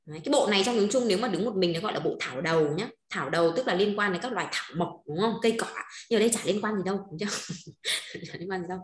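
A woman with a Northern Vietnamese accent teaching a language class, patiently checking in with her students. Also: medium pitch. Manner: patient, keeps checking with quick questions. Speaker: Chinese teacher. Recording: roomy echo.

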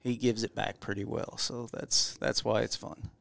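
A man doing casual, joking color commentary on a high school baseball game. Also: little pitch movement, moderate pace, gravelly, a bit bright, no echo. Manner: joking, chatty, self-deprecating. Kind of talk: casual local sports commentary.

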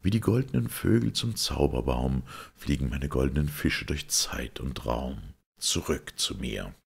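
A man with a deep, husky voice reading a mysterious robed stranger, slow and solemn, in a detective audiobook. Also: expressive, heavily acted. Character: mysterious robed male stranger, lofty and chanting.

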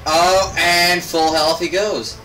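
A man's voice: high voice, steady tone, slow, bright, forceful tone. Teasing young guy, off-mic. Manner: teasing, laughs a lot. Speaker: friend watching. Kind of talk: casual teasing chat. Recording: distant from the mic with faint noise.

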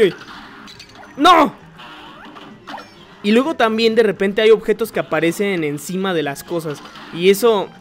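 A man talks over his own gameplay, chatting along and breaking into yelps and curses when he takes a hit. His voice sits high for a man, and faint game music plays underneath. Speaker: gamer. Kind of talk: gameplay commentary.

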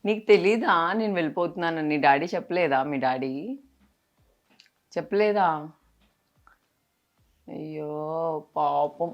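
A young woman chats in a casual vlog, her voice slightly low in pitch. She coaxes and soothes a small child in a tender, pleading tone, asking the same questions again and again. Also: moderate pace, long pauses, highs cut off. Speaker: vlogger.

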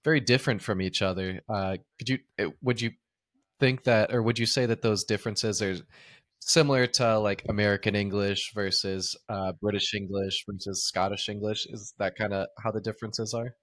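Low-pitched guy hosting a podcast, kinda hesitant, dry close sound. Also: steady tone, moderate pace, fairly bright tone, no echo. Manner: hesitant, many "uh" restarts. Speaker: podcast host. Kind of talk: interview questions.

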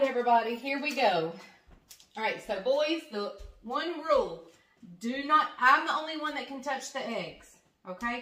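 Chatting casually to camera in her kitchen at home, a farm-vlogging grandmother in her fifties rambles with plenty of fillers. Her voice sits high and is a bit bright, and the recording is low quality. She's filmed close up at first, then from further away at the counter.

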